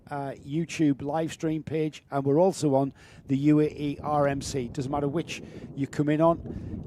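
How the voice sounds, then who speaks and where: A man with a mid-range, dark-toned voice hosts a live karting stream, doing motorsport commentary and chatting with co-commentators. He's jokey and reads out viewers' names from the chat, with slight background noise.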